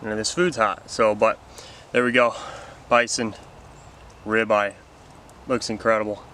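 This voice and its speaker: A young man talking casually to the camera on a solo camping trip in a forest, relaxed and chatty, thinking out loud. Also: on the low side, unhurried, a little hiss or hum. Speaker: outdoor vlogger. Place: outdoors in a forest campsite. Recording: faint outdoor ambience behind.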